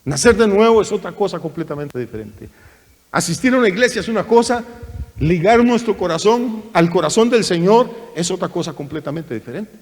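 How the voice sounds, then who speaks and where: High-voiced preacher in an echoing church. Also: male voice, a little fast. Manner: animated, acts out mocking voices of churchgoers and preachers. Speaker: pastor. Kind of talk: sermon.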